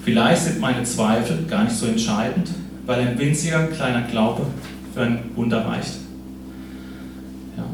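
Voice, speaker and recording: A man's voice: mid-range voice, a little slow, noisy background. Guy preaching, chatty, says "ne?" all the time, mic far off, big echoey hall. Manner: conversational, keeps adding "ne?". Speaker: pastor. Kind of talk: sermon. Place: church hall.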